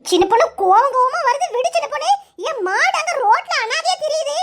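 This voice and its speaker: A woman's voice: very high voice, brisk, fairly bright tone. A woman voicing a fretful village woman in a cartoon, pleading in Kanyakumari Tamil. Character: fretful village woman worried about her cow.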